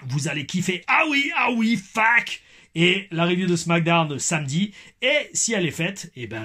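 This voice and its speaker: Husky-voiced man doing a joking vlog. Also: on the high side, a bit bright. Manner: playful, crude jokes, catchphrase "oh oui". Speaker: wrestling review YouTuber. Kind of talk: casual vlog commentary.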